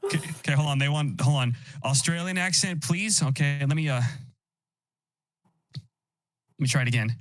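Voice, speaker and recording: A man's voice: on the high side, quick pace. A man chatting as a livestream guest, enthusiastic and often restarting his sentences. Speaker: guest, host's boyfriend. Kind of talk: casual chat.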